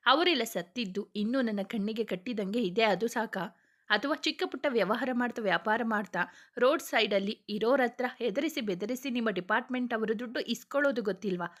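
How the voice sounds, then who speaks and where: A woman's voice: fairly high pitch, a bit bright, close to an everyday voice. A woman voicing a pleading young wife. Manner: pleading, emotional, argumentative.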